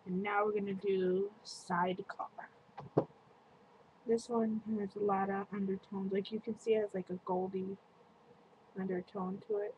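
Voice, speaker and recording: A woman's voice: mid-range voice, little pitch movement, highs cut off. A woman talking through a casual makeup product review in a chatty, meandering way. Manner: chatty, slow and meandering, lots of "like". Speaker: beauty vlogger. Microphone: webcam. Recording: faint room noise on a webcam mic.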